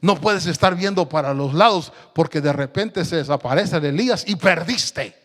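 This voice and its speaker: A man preaching an evangelical sermon, asking the congregation questions and swinging between loud and soft. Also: fairly high pitch, moderate pace, long reverb tail. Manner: rhetorical questions to the congregation, dramatic swings in loudness. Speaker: pastor.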